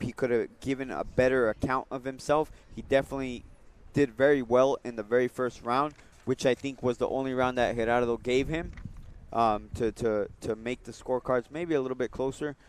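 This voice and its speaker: A man's voice: medium pitch, steady tone, fairly quick, smooth. A man commentating on boxing in a casual, unscripted way, often repeating and rephrasing his points. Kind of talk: casual unscripted fight analysis.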